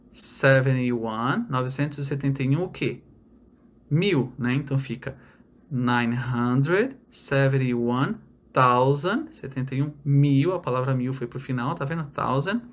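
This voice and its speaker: A man from Brazil giving an online English lesson, explaining step by step and checking in with his students. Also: mid-range voice. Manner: explains step by step, repeats numbers slowly in English; checks in with "tá?" and "olha lá". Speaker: English teacher.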